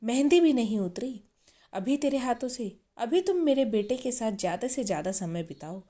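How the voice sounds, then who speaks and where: A woman reading the lines of a kind, loving middle-aged mother-in-law in a storybook, with a soft, reassuring manner. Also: a little high, lively intonation, moderate pace.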